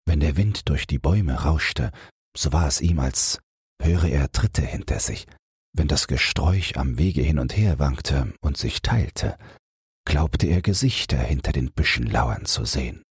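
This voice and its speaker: Man, audiobook narrator, bedtime story, calm measured reading, deep voice, dry close sound. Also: husky, dry recording.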